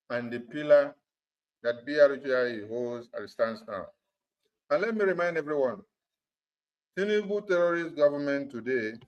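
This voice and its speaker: On a conference call, a man with a slightly high voice addresses supporters in a political speech, hammering his points emphatically and repetitively. He's heard through a phone or computer on a dull, lo-fi group call line.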